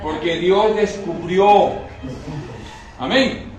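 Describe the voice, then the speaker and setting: A man's voice: high-pitched, very slow, a little mellow, slight background noise. A man preaching a sermon emphatically, often asking the congregation whether they understand. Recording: very echoey hall, mic far off.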